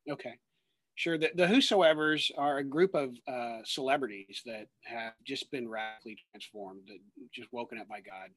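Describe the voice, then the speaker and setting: A man's voice: mid-range voice, normal speed, fairly bright tone, dry recording. A man in his thirties, a ministry worker and guest, talking earnestly in a rambling way with many fillers and restarts. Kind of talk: conversational testimony.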